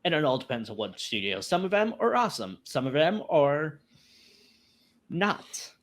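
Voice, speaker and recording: Animated man hosting a podcast. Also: fairly high pitch, moderate pace. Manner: animated, jokey, puts on silly voices. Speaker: podcast host. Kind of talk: casual podcast chat.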